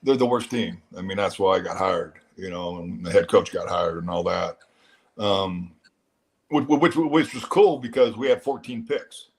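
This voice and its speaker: A man's voice: deep voice, lively intonation, moderate pace. A man who once worked in an NFL front office, talking football in casual chat and repeating words as he builds a point. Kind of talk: casual sports talk.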